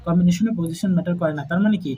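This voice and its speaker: Man, Bangladeshi Bengali accent, math teacher, high voice, faint hum behind. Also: rapid-fire, dark tone, muffled recording. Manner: conversational, mixes English terms, checks understanding with repeated questions. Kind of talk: explaining a lesson to students.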